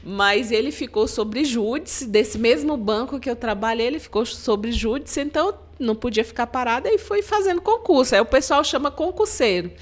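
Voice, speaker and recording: A woman's voice: a little high, lively intonation, moderate pace, few pauses. A middle-aged woman from Maranhão, Brazil, a guest on a podcast interview, telling her story earnestly and often ending phrases with "né?". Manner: earnest, storytelling, frequent "né?" tags. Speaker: guest, government agency head.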